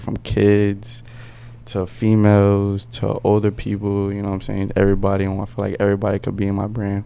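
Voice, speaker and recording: A man's voice: lowish voice, gravelly, warm tone, smooth. A young man talking as a podcast guest in laid-back slang, with many casual tags. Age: young adult. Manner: laid-back slang, you know what I'm saying. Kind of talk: casual interview answers. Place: media studio.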